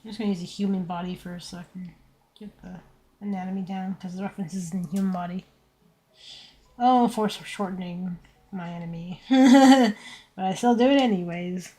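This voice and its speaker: Tired, husky-voiced young woman streamer. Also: moderate pace, mellow. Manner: low-energy, tired, laid-back; rambling, thinking aloud while drawing. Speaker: VTuber streamer. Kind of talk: casual art stream chat. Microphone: desk microphone set to surround pickup.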